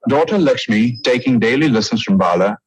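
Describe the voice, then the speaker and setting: A man reading scripted documentary narration in a measured, even tone. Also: medium pitch, crowd noise, rough recording.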